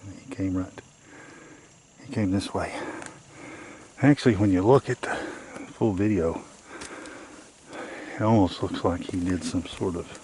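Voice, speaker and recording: Middle-aged man, low and slow, out of breath on a trail, noisy outdoor camera audio. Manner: often drops to a hush. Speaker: vlogger on a woods hike. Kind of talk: casual walking vlog. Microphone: handheld camera.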